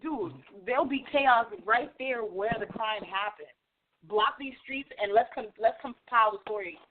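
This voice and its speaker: Woman guest, fired up and forceful, kinda high voice, phone-line sound. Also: normal speed. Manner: forceful, indignant. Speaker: podcast guest. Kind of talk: casual discussion. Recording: tinny phone-like audio.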